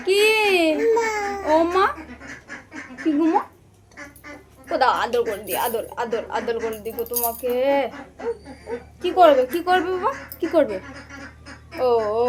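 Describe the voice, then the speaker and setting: Woman, baby talk, very high, sing-song, playful, coaxing.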